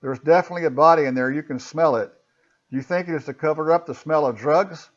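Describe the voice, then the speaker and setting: Man voicing a gruff suspicious police officer. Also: a little high, fast, dull audio, close to an everyday voice. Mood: dazed.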